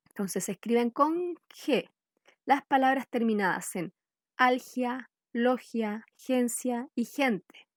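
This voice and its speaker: Higher-pitched woman teaching spelling slowly. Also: no room sound, studio quality. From Chile. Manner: slow, deliberate, spelling out examples. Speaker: workshop teacher. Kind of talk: scripted spelling lesson.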